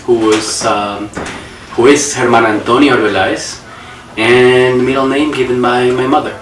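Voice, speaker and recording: A man's voice: medium pitch, steady tone, normal speed. A man tells his own story, stopping now and then to recall a detail. He sits some way back from the microphone. The room echoes around him and a faint ambient hum sits underneath. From Colombia. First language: Spanish. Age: 40s. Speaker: interviewee. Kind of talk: personal life story. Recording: roomy echo, distant mic, faint ambience.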